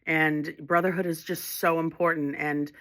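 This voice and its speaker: A woman's voice: low-pitched, little pitch movement, normal speed, fairly bright tone. A woman speaking as a holistic life coach in a reflective self-help monologue, earnest and encouraging, often restarting her phrases.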